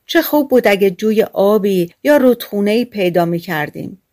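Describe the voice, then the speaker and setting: A woman's voice: mid-range voice, lively intonation, dark tone, lightly acted. A woman reading aloud and voicing a young boy, a thirsty and stubborn little brother who speaks wearily but insists. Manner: weary, insistent. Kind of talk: storybook reading.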